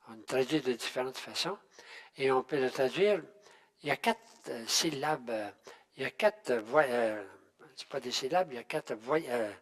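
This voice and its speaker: An older man teaching a Bible class in a halting, conversational way, often restarting and checking in with his listeners. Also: mid-range voice, a bit bright. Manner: halting, with many restarts and tag questions. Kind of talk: unscripted Bible class talk.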